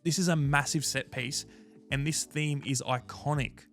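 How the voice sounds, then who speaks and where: A man co-hosting a casual gaming podcast, talking in an animated, frank way and swearing freely. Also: on the high side, moderate pace, faint music behind. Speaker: podcast co-host.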